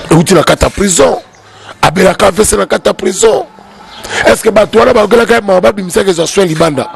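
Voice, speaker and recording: A man's voice: sits high, big pitch swings, brisk, vocal fry. A Congolese man speaking as a guest commentator in a heated political debate, emphatic and repeating his key points. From Congo (DRC). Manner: emphatic, repeats key phrases, voice climbs when arguing.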